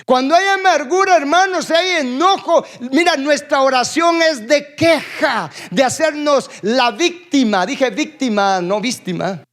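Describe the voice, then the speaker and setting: A man preaching a sermon to a congregation. He keeps asking the room questions and calling for responses, swinging between loud bursts and low asides. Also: animated, measured pace, few pauses. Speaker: pastor. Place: church.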